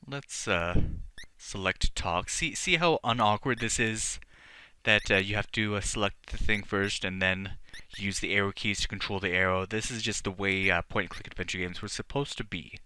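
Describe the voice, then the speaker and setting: A man's voice: on the low side, moderate pace, pushed and bright, clean tone, dry recording. A man giving casual, mock-grand, tongue-in-cheek commentary as the host of a let's play. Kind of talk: casual video game commentary.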